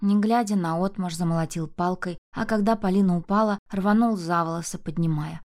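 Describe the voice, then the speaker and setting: A woman's voice: lowish voice, moderate pace, a little mellow. A woman narrating a novel as an audiobook in a tense, dramatic reading.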